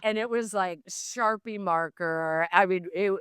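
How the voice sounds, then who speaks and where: A woman's voice: mid-range voice, a little slow, smooth, no echo, clean studio sound. A woman in her fifties, a sports broadcaster guesting on a podcast, tells rambling stories with lots of fillers. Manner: animated, rambling with many fillers. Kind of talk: casual anecdotal storytelling.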